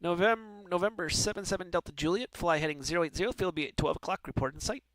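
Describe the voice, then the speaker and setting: Male controller-streamer, bright forceful tone, dry close sound, wry and informal between procedural calls. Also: sits high, fast, dry recording. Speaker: streamer playing air traffic controller. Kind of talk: air traffic control calls mixed with casual banter.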